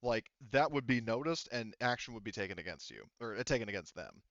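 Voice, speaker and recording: A man with a clear, smooth, medium-pitched voice runs a casual tabletop game as game master, rambling, thinking out loud, and swearing casually. His delivery is expressive and brisk. The recording is close and dry with no echo, and sounds slightly dull.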